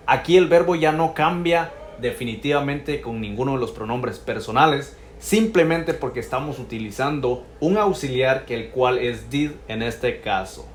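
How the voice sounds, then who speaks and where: A man gives a step-by-step grammar lesson, speaking slowly and going over each example more than once. His voice sits at a middle pitch and sounds roomy, with a faint ambient hum underneath. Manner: slow, patient, repeats each example slowly. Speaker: English teacher. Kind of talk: explaining Spanish-to-English grammar lesson.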